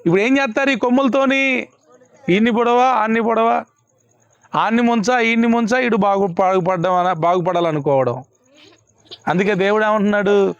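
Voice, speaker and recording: High-voiced pastor. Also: male voice, normal speed, pauses often, smooth, no room sound. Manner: emphatic, repeats questions to the congregation. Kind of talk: sermon. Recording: dull lo-fi, dry sound.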